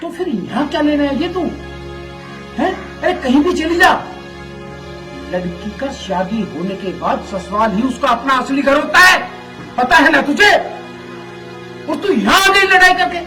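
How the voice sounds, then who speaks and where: A man's voice: very high-pitched, big pitch swings, moderate pace. A man playing a stubborn father who harshly turns his married daughter away, in a devotional family melodrama. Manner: harsh, dismissive. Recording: loud background music score.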